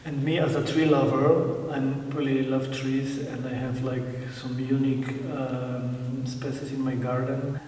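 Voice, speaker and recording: A man's voice: mid-range voice, level tone, measured pace, hardly any pauses, mellow. A man from Poland with a Polish accent, a photographer talking in an interview, hesitant and full of fillers and restarts. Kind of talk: interview talk. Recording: echoey hall, distant mic, faint noise.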